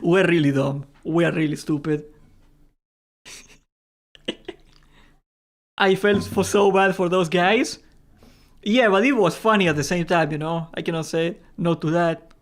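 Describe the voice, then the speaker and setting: A young man hosts a gaming livestream in a loose, joking chat with his viewers. His voice sits high for a man. He laughs easily, swears casually, and rambles along in a friendly, offhand way. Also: normal speed. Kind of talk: casual live-stream chat.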